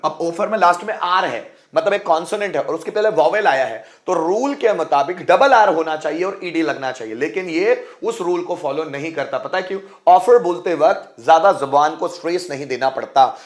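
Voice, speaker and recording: High-voiced man teaching grammar. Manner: repeats words aloud and asks the class questions. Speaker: English teacher. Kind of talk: explaining grammar rules in Hindi.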